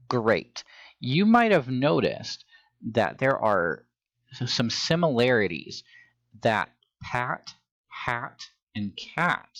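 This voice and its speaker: A man's voice: mid-range voice, fairly bright tone, no echo. A man teaching a phonics and reading lesson to young children, with patient, encouraging instructions.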